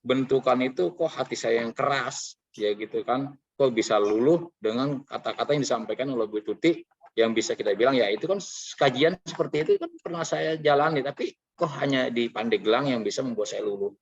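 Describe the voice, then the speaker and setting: A man tells a heartfelt personal testimony in an earnest, confessional way, pausing often on filler sounds. His voice has a gravelly, creaky edge. The recording is dull and lo-fi. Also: mid-range voice. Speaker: training participant sharing his experience.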